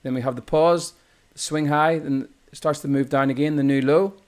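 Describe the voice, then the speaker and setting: A man's voice: a little high, fairly even intonation, moderate pace, darkish tone. Irish man explaining charts, self-correcting. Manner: loose and explanatory, often correcting himself mid-sentence. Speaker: trading instructor. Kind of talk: screen-recorded chart tutorial.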